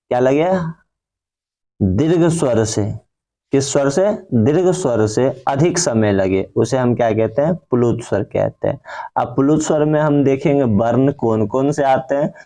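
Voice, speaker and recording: Man teacher, dark mellow voice, keeps asking the class questions and answering them himself. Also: medium pitch. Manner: repeats key points as questions to the class; drawn-out chanting of example words. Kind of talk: grammar lesson.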